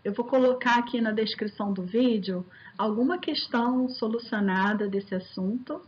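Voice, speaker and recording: Slightly high-voiced woman teaching linguistics. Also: moderate pace, lo-fi sound, slight background noise. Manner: explains step by step with repeated rhetorical questions; addresses viewers directly and warmly as students. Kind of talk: recorded online lecture over slides.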